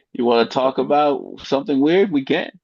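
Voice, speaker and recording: A man's voice: medium pitch, normal speed, darkish tone, no room sound, highs cut off. A man co-hosting a casual podcast chat, rambling and joking, laughing at his own jokes. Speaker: co-host.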